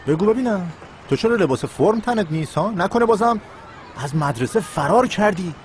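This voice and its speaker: A man's voice: high-pitched, lively intonation, slight background noise. A man dubbing a playful uncle-like man in a TV drama, teasing and affectionate toward a young girl. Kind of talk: dubbed TV drama.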